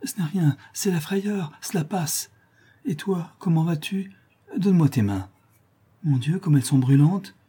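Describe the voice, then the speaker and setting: A man's voice: fairly high pitch, lively intonation, moderate pace, warm tone, breathy edge, voice pushed up. A man voicing a frightened young daughter who begs to leave. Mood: fearful. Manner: pleading, frightened. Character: fearful trembling young woman, a daughter.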